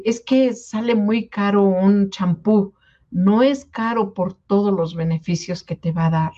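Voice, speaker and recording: Woman, informal health talk, coaxing, checks in with listeners, warm mellow voice, slightly muffled recording. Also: mid-range voice. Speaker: wellness product presenter.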